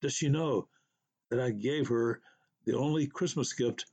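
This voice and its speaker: A man narrating a personal true story in a slow, unhurried and reflective way. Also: medium pitch, creaky, darkish tone, breathy edge, highs cut off.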